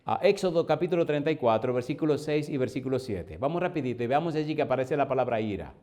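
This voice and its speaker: A pastor preaching a sermon, lively, asking the congregation questions and acting out short dialogues. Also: male voice, medium pitch, quick pace.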